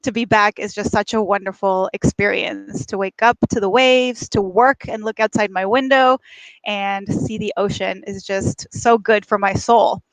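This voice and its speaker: A woman's voice: mid-range voice, steady tone, normal speed, no room sound, low-quality recording. A woman from Mexico who works as a life coach, hosting a conversational livestream. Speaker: host, life and career coach. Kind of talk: conversational livestream monologue and interview. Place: at a beach.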